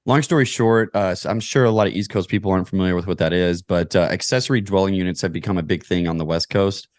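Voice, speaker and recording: Speaking quickly in a deep, darkish voice, this American man from Kentucky answers a podcast host's questions, laying things out methodically but conversationally. He's a real estate investor, and the recording is dry and studio-clean.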